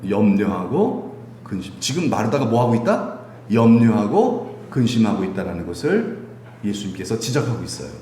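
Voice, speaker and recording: A male pastor giving a sermon, animated and quizzing his congregation with questions. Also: mid-range voice, fairly quick, slight background noise. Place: church sanctuary. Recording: echoey church hall.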